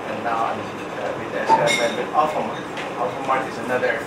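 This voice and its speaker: An older man from Indonesia, speaking unscripted at a meeting, halting with many fillers and restarts, often checking in with "right?" and "okay?". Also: mid-range voice, little pitch movement, heavy background noise. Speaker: forum panelist. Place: meeting room. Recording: echoey room, distant mic, loud air conditioning.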